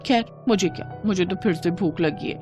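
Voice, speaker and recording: A woman with a fairly low, natural voice plays a greedy, shameless, self-satisfied schoolteacher in an animated moral story. Her delivery is brazen, gleeful and drawn out with a nonchalant mood, and faint music plays behind her.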